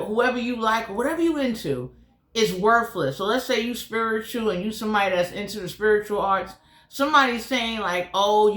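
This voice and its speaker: A woman's voice: medium pitch, a bit bright. A woman hosting a casual, blunt tarot reading in colloquial speech, talking with whitening trays in her mouth. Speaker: tarot reader and channel host. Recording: echoey, roomy sound.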